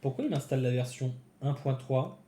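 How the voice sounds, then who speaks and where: A man's voice: mid-range voice, brisk, mellow, echoey room, slight background noise. A man giving casual live-coding commentary to his viewers, thinking aloud as he types. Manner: thinks aloud, chatty, talks to viewers while typing. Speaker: developer streaming a coding session.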